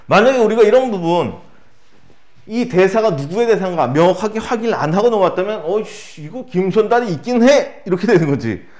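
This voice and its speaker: High-voiced guy teaching exam prep lit, really animated, keeps asking "right?". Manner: animated, asks rhetorical questions, acts out quoted lines. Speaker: Korean literature teacher.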